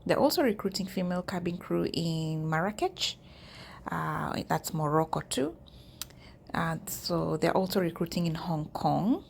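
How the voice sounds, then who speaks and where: A woman vlogger with a lowish, gravelly voice chats straight to her viewers. Her talk is casual and direct as she walks through listings. A faint hiss of noise sits under the recording. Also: expressive, a little slow, darkish tone. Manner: chatty, addresses viewers directly. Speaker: YouTube vlogger. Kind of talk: casual walkthrough of job listings.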